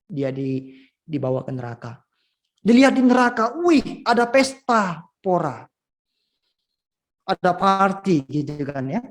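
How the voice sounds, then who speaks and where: A male pastor preaching a sermon at a school, telling stories with lively swings in pitch and volume. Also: measured pace, long pauses. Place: school event.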